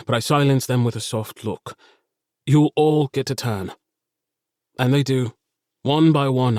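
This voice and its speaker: A man's voice: medium pitch, no room sound, studio quality. Man narrating a cozy audiobook. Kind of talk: first-person audiobook narration.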